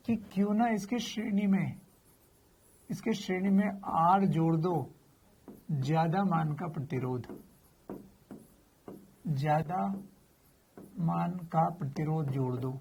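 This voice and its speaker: A man's voice: fairly high pitch, slow, vocal fry, long pauses, a little mellow, slight background noise. A man teaching physics in a chatty, informal lecture, asking questions and answering them himself. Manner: addresses students familiarly, slips in slang.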